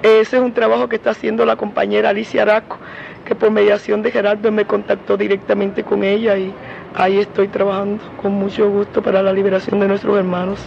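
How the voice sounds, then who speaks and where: A woman's voice: medium pitch, little pitch movement, fairly quick, vocal fry. A woman from Cuba, an activist speaking earnestly in a news interview. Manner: earnest, listing her activities. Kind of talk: field interview. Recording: dull lo-fi field recording with faint noise.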